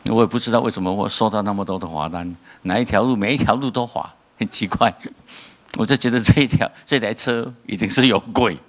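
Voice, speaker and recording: Low-voiced Taiwanese Mandarin preacher, lively. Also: male voice, fairly quick. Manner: lively storytelling preacher, asks rhetorical questions, chuckles at own jokes. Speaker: pastor. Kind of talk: sermon. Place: church.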